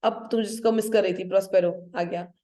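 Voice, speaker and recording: A woman's voice: medium pitch, fairly even intonation, mellow. Hindi-teacher woman explaining a play. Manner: switches between Hindi and English, checks understanding with "ठीक है?"; reads quoted verse lines slowly. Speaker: English literature teacher. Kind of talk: line-by-line lesson explanation.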